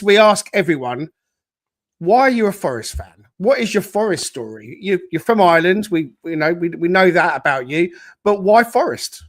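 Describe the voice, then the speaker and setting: A man's voice: a little high, a bit bright. Upbeat male podcast host. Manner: upbeat, welcoming commenters. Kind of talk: casual chat.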